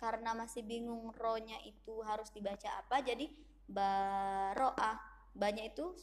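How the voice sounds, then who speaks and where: A woman teaching children to read the Quran, explaining slowly and patiently and reading syllables aloud as examples. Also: a little high, fairly even intonation, slight background noise. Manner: slow, patient teaching; reads syllables loudly and drawn out as examples. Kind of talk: recorded online lesson for children.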